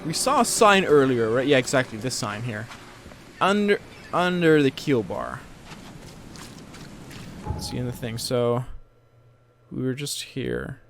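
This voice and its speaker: A man's voice: mid-range voice, big pitch swings, a little slow, pauses often, fairly bright tone, slight background noise. A man playing a game and commenting casually, muttering asides and reacting aloud as he goes.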